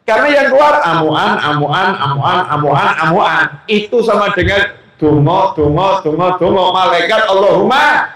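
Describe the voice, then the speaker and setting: Male preacher, high voice, slow teasing delivery, very echoey hall. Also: lively intonation, fairly bright tone. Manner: asks the audience questions, teasing. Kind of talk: sermon.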